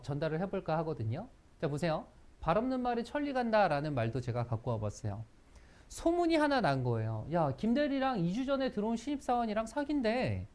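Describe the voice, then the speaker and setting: An instructor giving a workplace etiquette lecture to students, acting out example lines in quotation. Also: mid-range voice. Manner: lively, acts out example lines in quotes. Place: school training session.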